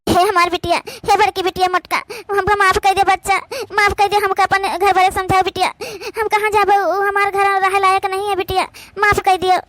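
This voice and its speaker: A woman's voice: extremely high pitch, moderate pace, fairly bright tone, dry recording. A woman with an Awadhi accent, voicing several village women in a family quarrel for a cartoon, pleading and scolding in turn. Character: quarrelling village women, mother and daughters-in-law. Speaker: cartoon voice actor.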